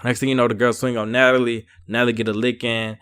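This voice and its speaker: A man's voice: medium pitch, little pitch movement, fast talker, fairly bright tone, clear, resonant tone. Slangy young man reviewing reality TV. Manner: chatty, slangy, lots of "like" and "um". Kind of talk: casual commentary.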